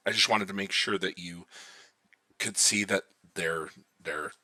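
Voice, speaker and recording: Man, low bright voice, relaxed screen-recording tutor thinking aloud. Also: measured pace. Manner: relaxed, thinking aloud while watching installs. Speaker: IT instructor.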